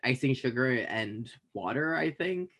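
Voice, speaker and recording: A man's voice: medium pitch, animated, measured pace, fairly bright tone. A man from Canada co-hosting a podcast, chatting in a rambling, joking way with frequent restarts. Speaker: podcast co-host. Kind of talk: casual chat.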